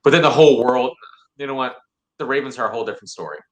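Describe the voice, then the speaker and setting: A man who is a brewery guest on a podcast, chatting casually and telling stories with animated delivery. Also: mid-range voice, racing. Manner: animated storytelling, acting out other people. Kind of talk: casual chat. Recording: roomy echo.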